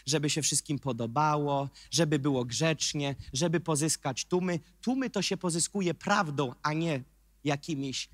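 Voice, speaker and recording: A man preaching a sermon as pastor, emphatic, swinging from quiet remarks to shouted questions. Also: a little high, measured pace, dry recording.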